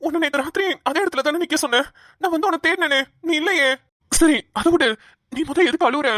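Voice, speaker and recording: An insistent friend. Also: female voice, high voice, quick pace, a bit bright, dry recording, clean studio sound. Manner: pressing, insistent questioning. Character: young village woman, caring but pushy friend. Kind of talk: cartoon voice acting.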